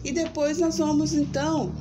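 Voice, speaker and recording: A Brazilian woman teaching young children, speaking slowly and sounding out syllables, checking in with "né?" and "certo?". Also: high-pitched, little pitch movement, dark tone, slight background noise. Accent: Brazilian Portuguese. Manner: slow, spelling out syllables, frequent "né?" and "certo?". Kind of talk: children's lesson, slow and sing-song.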